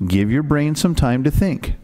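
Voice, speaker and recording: A man's voice: a little high, animated, unhurried, mellow. Patient man explaining contest rules. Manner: patient and instructive, checks in with "okay?". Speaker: spelling bee pronouncer. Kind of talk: giving rules to young spellers before a contest.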